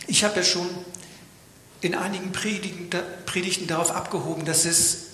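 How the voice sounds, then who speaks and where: A man gives a sermon in a high, bright voice. He preaches dramatically and sometimes sinks to a whisper for emphasis. The church hall echoes around him with a long reverb. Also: fairly even intonation, normal speed, slight background noise.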